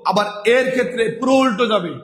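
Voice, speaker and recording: A man's voice: extremely high pitch, racing, a bit bright, roomy sound. A man teaching a live online exam-prep class, repeating each point several times and quizzing his viewers, whom he calls brothers and sisters.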